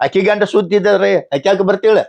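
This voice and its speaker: A man with a North Karnataka Kannada accent playing a stern elder brother and husband who rebukes his wife and gives gruff orders. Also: sits high, steady tone, fast talker, a little mellow, muffled recording. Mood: rebuking.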